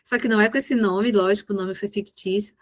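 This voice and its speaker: A woman's voice: mid-range voice, fairly even intonation, fairly quick, no echo. A woman, a mentor patiently explaining behavior management with examples. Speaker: ABA mentor.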